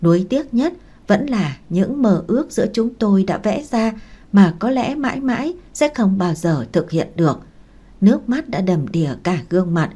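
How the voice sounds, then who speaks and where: A woman's voice: medium pitch, warm tone, husky. A woman narrating a first-person audiobook story in a tearful, emotional manner.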